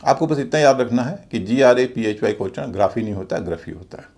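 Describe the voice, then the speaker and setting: A man teaching English pronunciation, spelling out letters and syllables slowly and deliberately in a scripted lesson. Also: mid-range voice, a little mellow.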